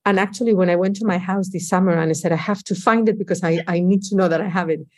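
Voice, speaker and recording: A woman with a Spanish accent talks through her answers in an interview, circling back and restarting as she thinks. Her voice sits a little low and sounds warm and mellow. She is middle-aged or older. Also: fairly even intonation, fast. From Spain. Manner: reflective, frequent restarts and "you know". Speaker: guest. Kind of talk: conversational interview.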